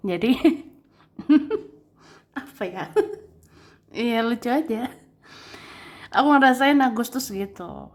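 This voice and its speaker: Woman tarot reader, casual advice talk, slow delivery, gentle and chatty with small laughs. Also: mid-range voice. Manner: chatty, gently advising, tags sentences with "ya"; laughs between phrases.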